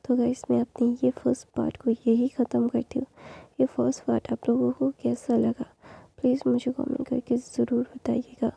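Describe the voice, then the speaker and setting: A woman narrating fan fiction in a casual, chatty way, hoarse and whispering because she has lost her voice to illness. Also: fairly high pitch, monotone, normal speed, warm tone, no echo. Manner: chatty, addresses viewers.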